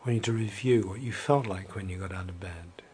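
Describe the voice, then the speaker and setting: With a low-pitched, breathy voice, a man takes listeners through a guided evening relaxation. He speaks in a slow, soothing way and occasionally softens to a whisper.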